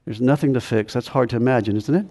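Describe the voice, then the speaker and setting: A man's voice: mid-range voice, quick pace, warm tone. A man preaching a sermon in a conversational way, with humor and rhetorical questions. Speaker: pastor. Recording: long hall reverb.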